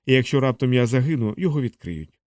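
Man doing a clever little sister, level and defiant, soft and calm. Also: medium pitch, fast, no room sound, clean studio sound, natural voice.

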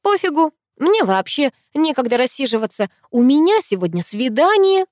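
A woman voicing a brash, teasing teenage girl with loud, mocking, slangy talk, in an audiobook reading. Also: high voice, very animated, moderate pace, no echo, studio quality, pitched above the performer's own voice.

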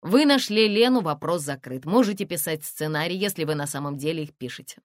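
A woman's voice: low-pitched, animated, brisk, no echo, clean studio sound. A woman reader voicing a curt, secretive male museum director who speaks in a brusque, mocking tone.

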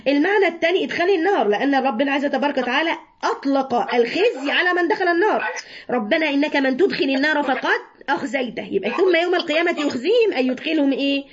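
A woman with an Egyptian Arabic accent gives a religious lesson to a room of listeners. She explains each point patiently and keeps asking them rhetorical questions. Her voice sits high, and the recording is dull and lo-fi. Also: expressive, fast talker. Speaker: Quran teacher.

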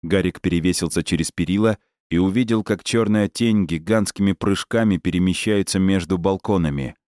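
Low-voiced male audiobook narrator. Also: a little fast, darkish tone, no room sound, clean studio sound. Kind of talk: scripted narration.

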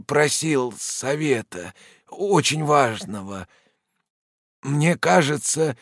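A man voicing a dying old worker who speaks weakly to his son, halting and breaking off mid-word. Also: medium pitch, no room sound, studio quality, pitched above the performer's own voice. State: weak, fading breath. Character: dying old male worker, weak and solemn father.

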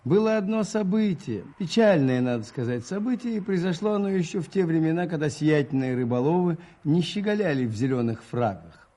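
Father Brown, high, soft-toned, husky priest. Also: lively intonation, a little fast. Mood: gentle, thoughtful. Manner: gentle, hesitant, understated. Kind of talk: radio play storytelling.

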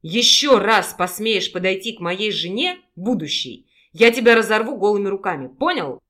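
A woman's voice: on the high side, very animated, normal speed, fairly bright tone. A woman voicing a brash, cocky, strong young man who threatens an attacker and then teases a girl in an audiobook. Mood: menacing. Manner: growling, smug, teasing. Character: brash cocky male rescuer, strong and smug.

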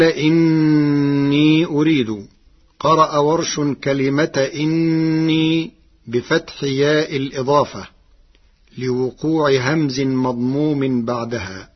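A man calmly explaining variant Quran readings in a measured radio lecture. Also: fairly high pitch, breathy edge. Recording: lo-fi old radio broadcast.

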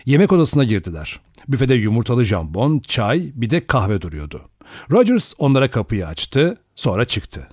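A male audiobook narrator with an animated, expressive reading style. His pitch moves a lot across the lines. The recording is dry, with no room sound. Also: moderate pace, husky, dry recording. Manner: expressive storytelling.

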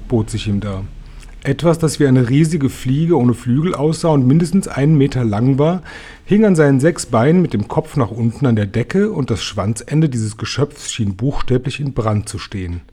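A man reading a children's storybook aloud in a measured, expressive way. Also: mid-range voice, breathy edge. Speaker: reader.

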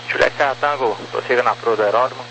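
A man's voice: mid-range voice, fast. A man with a Brazilian accent giving clipped, procedural air traffic instructions over two-way radio, reading out numbers digit by digit. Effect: two-way radio transmission.

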